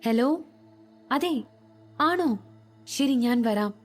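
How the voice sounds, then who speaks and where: A woman's voice: a little high, expressive, extremely slow, soft background music, full character voice. A woman voicing an eager, urgent young male investigator in a storybook reading.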